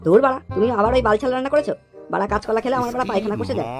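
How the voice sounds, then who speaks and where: A woman's voice: fairly high pitch, very fast, over music, lightly acted. Woman voicing a foul-mouthed raging cartoon father. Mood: grumbling. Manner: swears constantly, yells and threatens. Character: crude hot-tempered middle-aged father, foul-mouthed. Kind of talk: cartoon voice acting.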